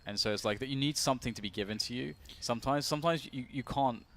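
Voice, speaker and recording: A man doing play-by-play commentary on a live esports match, excitable and rambling. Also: mid-range voice, quick pace, a little hiss or hum. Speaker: esports caster.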